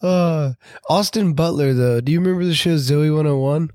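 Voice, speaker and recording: A young man tells a story loosely in a casual podcast chat, his voice at an ordinary pitch and full of fillers. The sound is dry and close, with no room around it. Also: normal speed, darkish tone, no room sound. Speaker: podcast co-host.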